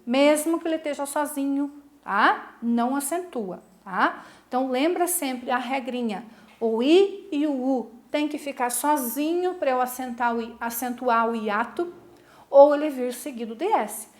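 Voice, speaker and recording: A woman's voice: sits high, measured pace. A Brazilian woman teacher giving a video lesson to school pupils, explaining a rule patiently, step by step, and asking the class questions. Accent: Brazilian Portuguese. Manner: calls herself "a prof" in the third person.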